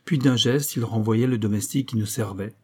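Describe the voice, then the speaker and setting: A man narrating a nineteenth-century story as an audiobook, measured and expressive. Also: fairly low pitch, slightly rough. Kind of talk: literary audiobook reading.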